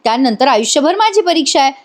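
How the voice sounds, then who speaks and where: A woman's voice: sits high, big pitch swings, fast. A woman voicing an eager young husband and father-to-be in a retold TV serial scene, earnest and coaxing.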